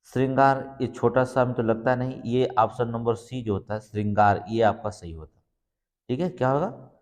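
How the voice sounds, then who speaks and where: This exam-prep lesson features a man with a medium-pitched, slightly mellow voice at a moderate pace. He goes through every answer one step at a time, verifying each with a repeated check, in a room with long reverb.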